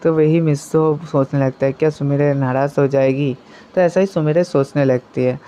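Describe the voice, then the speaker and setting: A man's voice: a little high, fairly even intonation, normal speed, mellow, clear, resonant tone. A young man casually narrating a fan-made story, rambling with restarts. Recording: muffled lo-fi recording.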